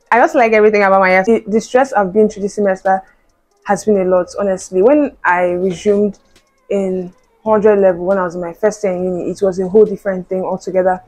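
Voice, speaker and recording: A woman's voice: medium pitch, little pitch movement, a little fast, a little mellow, soft background music, poor audio. A young woman, a university student chatting casually to camera, full of "like" and "you know". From Nigeria. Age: young adult. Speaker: vlogger.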